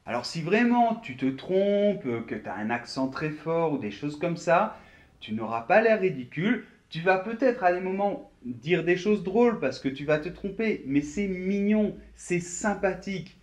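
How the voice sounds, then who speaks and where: Slow, lively-voiced French teacher man. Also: high-pitched. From France. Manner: slow, clearly articulated teaching, addressing viewer directly. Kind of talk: video lesson to learners.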